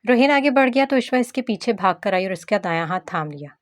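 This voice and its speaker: A woman reading a novel aloud in a steady storytelling way. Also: medium pitch, fast, no echo, clean studio sound. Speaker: novel narrator. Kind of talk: scripted narration.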